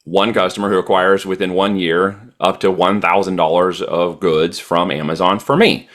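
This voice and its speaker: A man with a very deep voice answers interview questions about selling online. He talks confidently and with emphasis, and he often stops to fill pauses as he builds his points. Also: steady tone, fairly bright tone. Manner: confident, emphatic business talk with frequent fillers. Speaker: e-commerce entrepreneur guest.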